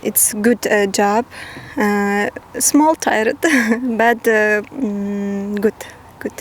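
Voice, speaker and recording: A young woman with a Kazakh accent answering in halting, simple English, often laughing. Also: mid-range voice, steady tone, slight background noise. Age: young adult.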